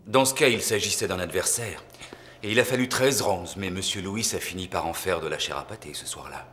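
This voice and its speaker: A very deep, menacing messianic villain. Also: male voice, a bit bright, echoey room, big-room sound, slight background noise. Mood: menacing, preaching. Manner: preaching, grandiloquent, slow menace. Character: menacing messianic male villain, calmly preaching, obsessed with his ex-fiancée. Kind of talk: dubbed film drama monologue.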